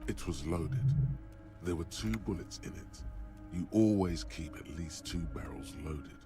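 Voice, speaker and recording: An actor playing an ominous male inner-voice narrator who speaks in deadpan, mocking second person in a video game. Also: deep voice, a little slow. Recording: game music behind.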